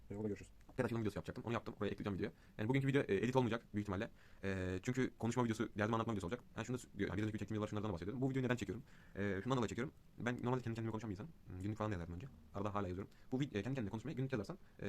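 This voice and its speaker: A man's voice: fairly low pitch, a little mellow. A young man talking casually to the camera in a vlog, rambling with many fillers and ranting when annoyed. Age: young adult. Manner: agitated ranting. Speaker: vlogger. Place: outdoors in cold wind.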